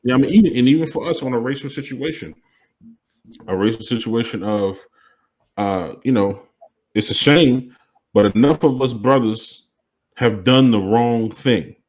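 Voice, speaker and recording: Heard over a rough recording, a podcast co-host talks in a lowish, darkish-toned voice. He keeps the discussion casual and emphatic, regularly checking in with "you know what I mean."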